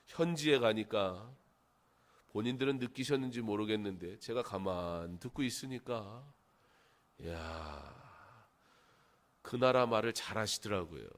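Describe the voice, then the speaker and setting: A middle-aged male pastor giving a Sunday sermon in a church, moving between soft asides and rising, emphatic preaching. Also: lowish voice. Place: church sanctuary.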